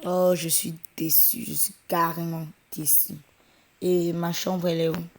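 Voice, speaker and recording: A woman voicing an excitable, spoiled daughter who gushes and squeals over everything. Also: on the low side, measured pace. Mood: disappointed. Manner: gushing, squealing with delight.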